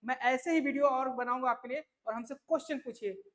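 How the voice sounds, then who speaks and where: Speaking fairly quickly in an extremely high, slightly bright voice, a man runs a casual lesson on English vocabulary for an exam. His style is chatty, and he checks in with listeners again and again with "है ना?" and "ठीक है."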